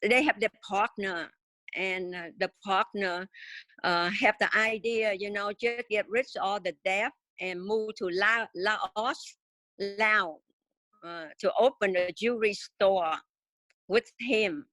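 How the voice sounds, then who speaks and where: An older woman of about seventy, with a Vietnamese accent, recounting her childhood in an unhurried, halting way. She speaks with plain, simple grammar and frequent fillers. The sound is close and dry, with no room around her. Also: mid-range voice, sharp tone, no echo. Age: 70s. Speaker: interview guest. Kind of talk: casual storytelling interview.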